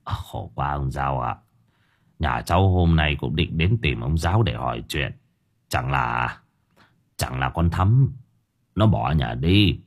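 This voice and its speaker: Brief: man doing a husky, rustic old vendor, coarse and fretful, low rumbling voice. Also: expressive, unhurried, pauses often, heavily acted. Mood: anxious. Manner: whining, lamenting, cursing coarsely.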